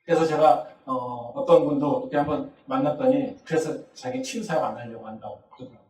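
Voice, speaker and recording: A male pastor preaching a sermon, acting out quoted voices and rising to shouts. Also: medium pitch, quick pace, roomy sound, recorded from a distance, low-quality recording. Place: campus church.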